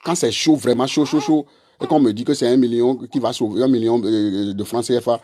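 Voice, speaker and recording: Husky man ranting. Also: mid-range voice, steady tone, a little fast, mellow. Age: 40s. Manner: confrontational, repetitive, scolding. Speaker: online commentator; father and husband. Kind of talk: ranting monologue to camera.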